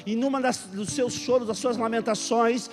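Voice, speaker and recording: A man with a Brazilian accent preaching a sermon, telling a story with sudden swings from hushed to loud. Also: extremely high pitch, fairly even intonation, normal speed. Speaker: pastor. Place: church hall. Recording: long reverb with faint music.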